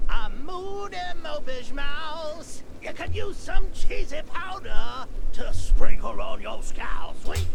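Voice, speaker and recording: Chirpy, cheerful old mouse. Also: male voice, extremely high pitch, heavily acted. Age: older. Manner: cheery and teasing. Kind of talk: video game voice acting. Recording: game audio with music behind.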